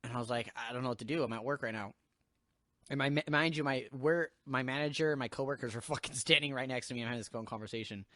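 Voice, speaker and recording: A man's voice: mid-range voice, quick pace, a bit bright, no echo. Rambling, swearing young man, dry mic. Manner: swears a lot, rambling with many fillers. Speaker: podcast host. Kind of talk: casual chat.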